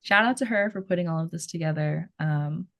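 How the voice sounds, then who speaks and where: A woman therapist with a Filipino accent, talking through ideas in a thoughtful, gentle way on a casual podcast and searching for her words. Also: low voice, brisk, no echo.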